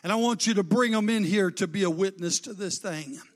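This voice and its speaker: High-voiced fervent male preacher. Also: a little fast. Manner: fervent preaching that swings into sung, chanted cadences; retells scripture with dialogue, rising to shouted climaxes. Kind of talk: sermon.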